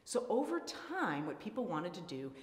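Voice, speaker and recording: A low-voiced woman with a very lively, animated delivery explains things with playful enthusiasm. Her voice rings out in an echoey space with a long reverb tail. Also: normal speed. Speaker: flutist and museum presenter. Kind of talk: educational presentation.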